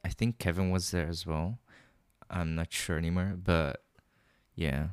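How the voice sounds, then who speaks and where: Deep-voiced young man hosting a podcast. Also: steady tone, smooth, no room sound, studio quality. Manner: halting, filler-heavy, laughs easily. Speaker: podcast host. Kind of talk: casual podcast chat.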